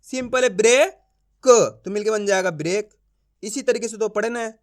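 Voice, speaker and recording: A young man teaching reading through a close mic, drilling sounds slowly and asking and answering his own questions. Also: high-pitched. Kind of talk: step-by-step phonics lesson.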